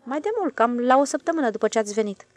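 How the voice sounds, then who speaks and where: A woman's voice: fairly high pitch, expressive, darkish tone, no echo, pitched above the performer's own voice. A woman voicing a talkative, deferential male railway switchman in an audiobook, speaking eagerly. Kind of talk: audiobook character voice.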